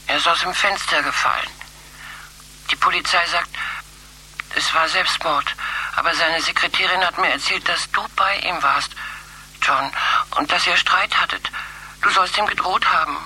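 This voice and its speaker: A woman's voice: on the low side, normal speed, pauses often, pushed and bright, husky, exaggerated voice, poor audio. A frightened, pleading mother. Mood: worried. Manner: worried, pleading. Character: anxious older mother of the lead. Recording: radio drama studio.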